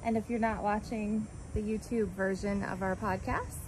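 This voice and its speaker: A podcast co-host chats casually in a steady, mid-range voice at normal speed. The conversation was recorded outdoors in a backyard, and background noise is clearly audible.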